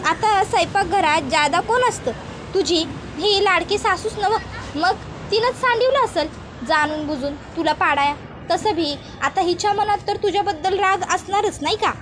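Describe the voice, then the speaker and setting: A manipulative village woman wheedles and points fingers in rustic dialect, as a woman narrator puts her on. Her voice rides high and bright. A faint background hum is present. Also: moderate pace. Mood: sly.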